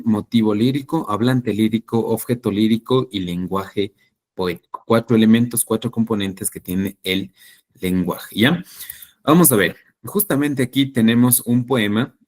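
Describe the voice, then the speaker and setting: An Ecuadorian man lecturing to a class in a fairly low voice. He explains patiently and keeps checking that the students follow. He corrects himself as he goes. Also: darkish tone. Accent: Ecuadorian Spanish. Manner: explanatory, with frequent checking questions and self-corrections. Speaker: teacher.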